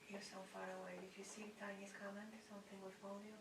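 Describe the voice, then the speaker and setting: Flat-toned woman, faint and far from the mic. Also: medium pitch, fast talker, slight background noise. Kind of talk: casual chat. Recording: very distant, echoey room pickup.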